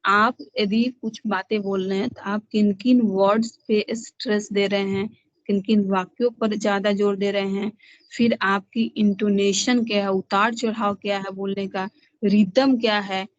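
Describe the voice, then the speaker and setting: A woman's voice: mid-range voice, flat delivery, measured pace, no echo. A woman teaching an online class, who mixes Hindi and English and asks and answers her own questions. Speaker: teacher-educator. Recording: dull lo-fi online class audio.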